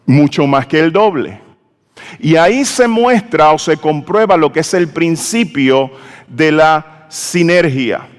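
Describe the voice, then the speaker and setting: A man's voice: a little high, expressive, slow. A man preaching a sermon in a church, leading the congregation in call-and-response and asking them questions. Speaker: pastor. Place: church sanctuary. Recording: church hall with long reverb.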